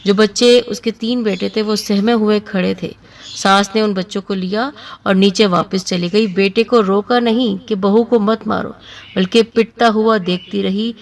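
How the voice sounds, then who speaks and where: Gravelly woman narrating an emotional story. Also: mid-range voice, far from the mic.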